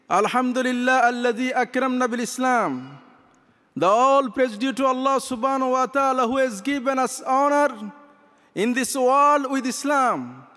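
A man's voice: very high-pitched, fairly bright tone. A man, giving an impassioned convention speech from a podium, mixing Arabic recitation into his English. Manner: impassioned, gesturing with both hands. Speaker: imam. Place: large convention hall stage. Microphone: podium microphones. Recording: long reverb of a big hall.

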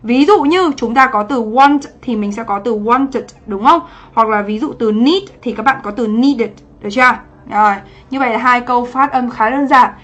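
A female English teacher hosts a livestream exam review, greeting viewers by name and chatting as she goes. After every point she checks that they're following. Her voice is fairly high, slightly quick and a little bright.

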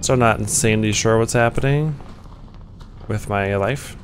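A young man with a lowish voice rambles through a live game stream. He chats loosely with his viewers and swears freely, with faint background noise under his talk. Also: unhurried. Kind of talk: live gameplay commentary.

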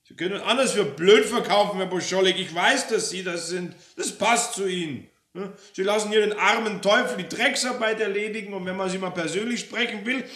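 A man's voice: brisk, hardly any pauses. A man voicing a feisty elderly woman who is bossy, indignant and relentless, reading a story aloud in a roomy space. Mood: furious. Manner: shrill, scolding, loud and pushy. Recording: roomy echo.

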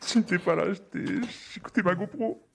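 A man's voice: sits high, moderate pace, gravelly, fairly bright tone, a little hiss or hum. A young man chatting casually on a live stream, jokey and exclamatory, swearing now and then. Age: young adult. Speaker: live streamer playing an online game. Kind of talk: casual stream chat, reacting and thanking donors. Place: small home streaming room, indoors. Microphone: close desk microphone, gaming headset worn.

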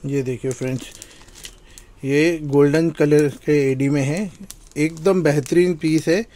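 A man's voice: on the high side, fairly even intonation, unhurried, mellow. A man with a slightly raised voice hosts a casual video inside a small shop. He eagerly asks the seller questions and turns to speak to viewers as friends. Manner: enthusiastic, addresses viewers as friends. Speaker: video host. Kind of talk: casual on-camera presenting.

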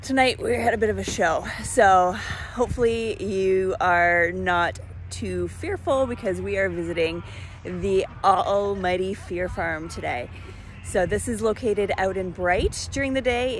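A woman's voice: mid-range voice, slight background noise. A woman, chatting upbeat into a phone held at arm's length outdoors at night. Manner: chatty, upbeat selfie commentary. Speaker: real estate vlogger. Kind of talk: casual vlog tour. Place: outdoors at night at a farm attraction.

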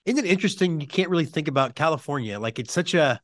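A man's voice: on the high side, lively intonation, quick pace, no room sound. A man hosting a baseball podcast, joking and playing down his own bits while he interviews a guest. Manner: jokey, self-deprecating. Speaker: podcast host. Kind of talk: casual interview chat.

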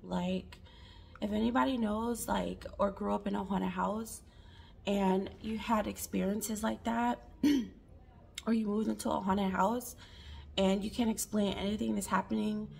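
Reaction host, woman, sore throat, creaky, soft and whispery late-night delivery. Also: mid-range voice, steady tone, unhurried, a little hiss or hum. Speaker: reaction vlogger.

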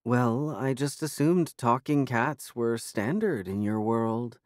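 A man voicing an earnest, gentle young woman who speaks softly, slowly and matter-of-factly. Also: medium pitch, no echo, clean studio sound, voice pushed up, close to an everyday voice. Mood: calm. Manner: soft, slow, matter-of-fact.

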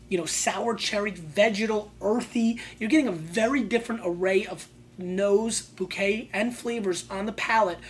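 Casting: female wine show host, mid-pitched, colloquial and emphatic sommelier tasting notes with repeated phrases, some room noise behind.

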